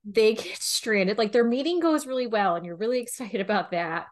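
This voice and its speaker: A woman from Pennsylvania co-hosts a podcast reviewing romance books, chatting casually in a slightly high voice. She's animated and chatty, laughing quickly and saying "like" constantly.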